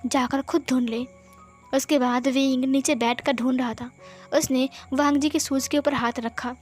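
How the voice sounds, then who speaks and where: A woman's voice: high-pitched, fairly even intonation, normal speed, soft background music. A woman narrating a fan fiction story in a casual retelling style.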